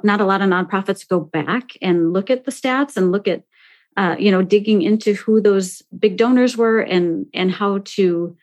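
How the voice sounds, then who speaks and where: A woman's voice: mid-range voice, a little mellow. A woman hosting a podcast interview in a conversational style. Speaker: podcast host.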